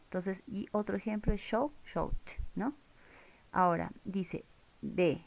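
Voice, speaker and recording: A woman's voice: mid-range voice, takes it slowly, vocal fry, no room sound. A woman teaching English grammar in a recorded lesson, explaining rules step by step and checking in with her viewers. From Peru.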